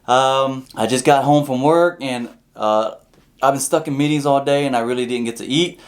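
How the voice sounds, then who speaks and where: A man's voice: mid-range voice, moderate pace. A man hosting a mukbang, chatting casually and informally to his viewers while eating crunchy fried chicken. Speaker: mukbang show host.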